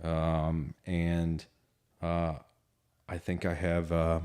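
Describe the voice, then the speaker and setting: A man's voice: low-pitched, completely flat delivery, drawn-out words, darkish tone, clean tone. A man co-hosting a podcast, talking in a casual, rambling, reflective way with lots of fillers. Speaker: podcast co-host.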